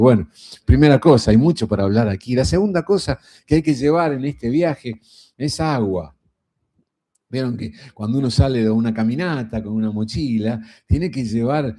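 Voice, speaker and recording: Folksy Rioplatense preacher man, mellow tone. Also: medium pitch. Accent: Rioplatense Spanish. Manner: folksy and conversational, frequent rhetorical "¿no?". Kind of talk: sermon.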